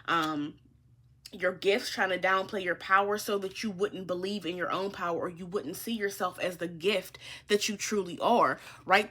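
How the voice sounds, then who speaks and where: Husky-voiced woman giving a fiery spiritual reading. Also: fairly low pitch, fairly bright tone. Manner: emphatic, swears freely, speaks straight to the listener. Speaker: spiritual tarot reader.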